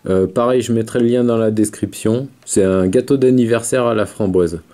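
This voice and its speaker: Male reviewer, low dark voice, relaxed and halting delivery. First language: French. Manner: hesitant, many fillers, talks while vaping. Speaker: vape video reviewer. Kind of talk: casual chat.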